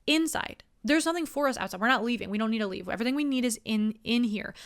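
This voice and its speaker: A woman's voice: a little high, fast. A young woman hosting her show with a rambling, self-mocking comic monologue. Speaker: comedian host.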